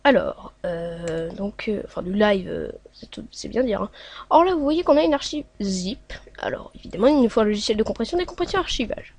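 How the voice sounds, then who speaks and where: A woman's voice: mid-range voice, lively intonation, a little fast, a little mellow. A woman hosting a casual screen-recorded tutorial, talking along hesitantly with many filler sounds as she clicks through steps. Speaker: tutorial host.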